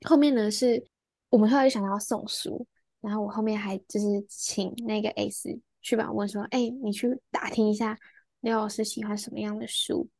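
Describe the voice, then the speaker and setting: A young woman, a student, chatting casually on a podcast and telling a story with quick laughs, acting out the lines people said. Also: mid-range voice, fairly even intonation, gravelly, darkish tone, dry recording. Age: young adult.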